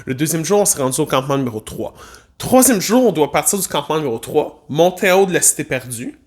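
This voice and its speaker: A man with a Québécois French accent chats through a travel anecdote as a casual vlog. His voice sits somewhat high for a man. He stays animated and playful and keeps breaking off into little asides. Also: quick pace, breathy edge. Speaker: vlogger and music teacher.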